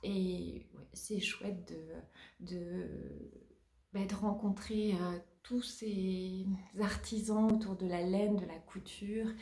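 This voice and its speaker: French-speaking woman, slow, chatty, in a roomy echo. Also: mid-range voice, mellow. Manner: hesitant, many fillers and restarts, laughs often. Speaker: knitting podcast host. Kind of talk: casual chat.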